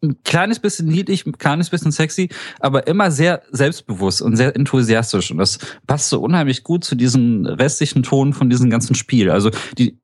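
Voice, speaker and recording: A man's voice: medium pitch, a little fast, dry recording, clean studio sound. A man chatting casually on a gaming podcast, enthusiastic and full of hesitations. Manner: enthusiastic, hesitant with many fillers.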